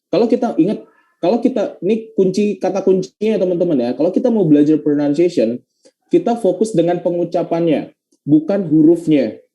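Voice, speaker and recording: A young man tutoring pronunciation online, his voice slightly high yet deeply dark and mellow. He explains patiently and says the example phrases again and again at a slow, careful pace. English phrases slip into his teaching talk. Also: animated, rough recording.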